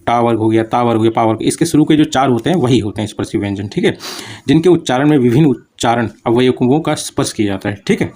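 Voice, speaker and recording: A man talks through a grammar lesson at a brisk clip, with a voice of middling pitch. He asks "okay?" or adds "meaning" after almost every phrase, and he stops to sound out individual consonants as examples. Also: dark tone. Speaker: teacher. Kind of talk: casual spoken lesson.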